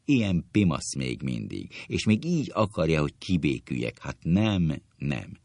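A man voicing a pompous, hot-tempered gentleman obsessed with his honor, blustering through a comic quarrel. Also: rumbling low, big pitch swings, creaky, dry recording, clean studio sound, heavily acted. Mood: indignant. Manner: blustering, table-pounding outbursts.

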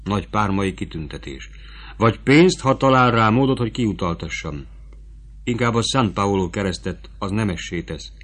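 A man voicing a fawning, scheming male court prosecutor who wheedles and bargains eagerly, read in a fairly low voice. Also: animated, a bit bright.

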